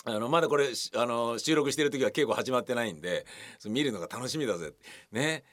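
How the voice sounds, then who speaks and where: A middle-aged man hosting a casual radio talk show, telling stories and acting out the other people in them with animated voices. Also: mid-range voice, fast talker. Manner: animated storytelling, mimicking voices. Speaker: radio host.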